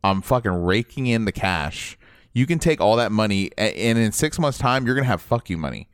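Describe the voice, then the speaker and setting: A man talking fast in a lowish voice, trading loose, profane banter on a podcast. He laughs easily and keeps pushing his point. The sound is dry and close. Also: expressive, clean tone, no echo. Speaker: podcast co-host. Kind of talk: casual podcast chat.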